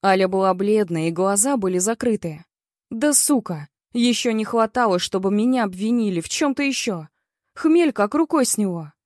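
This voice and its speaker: A woman's voice: medium pitch, animated, normal speed, a little mellow, dry recording, clean studio sound. A woman narrating a first-person story in a blunt, bitter and crude way. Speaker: audiobook reader.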